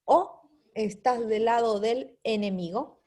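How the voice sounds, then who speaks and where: Woman teaching a Bible lesson, higher voice. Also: warm tone. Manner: explains slowly, checks in with listeners with repeated "¿sí?".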